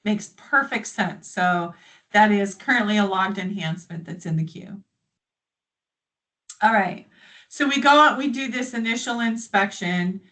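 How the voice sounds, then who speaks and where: A friendly woman from the United States walks colleagues through a software system in a live training session. Her voice sits at an ordinary middle pitch, and she explains in a loose, chatty way. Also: a little slow, low-quality recording.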